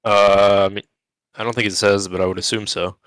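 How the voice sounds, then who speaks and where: A man's voice: on the low side, little pitch movement, fairly quick, fairly bright tone, clean tone, no echo. A man playing a tabletop game over an online voice call, laid-back and drawling. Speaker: player. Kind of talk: casual tabletop play.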